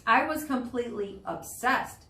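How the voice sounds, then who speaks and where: Her voice is fairly high and sharp as she reads a nonfiction children's book aloud to students. This teacher takes an explanatory approach, pausing over words and pictures, and the audio sounds roomy and distant with noise behind it.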